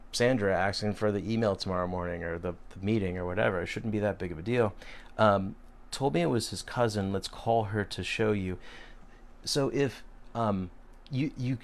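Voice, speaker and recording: A man's voice: on the low side, vocal fry. A man in his late thirties hosting a casual live Q&A, answering viewer questions in a frank, rambling way with frequent fillers and restarts. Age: 30s.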